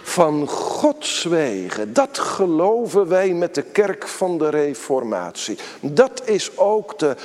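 Slow, solemn preaching man in a church. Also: on the high side. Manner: solemn preaching, swelling loud then dropping to a hushed near-whisper. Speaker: pastor. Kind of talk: sermon. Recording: long church reverb.

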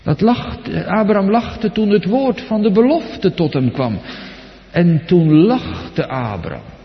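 A man preaching a sermon, dramatic and swinging between soft and loud, putting direct questions to his congregation. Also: high-pitched, sing-song, slow. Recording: echoey hall, dull lo-fi sound.

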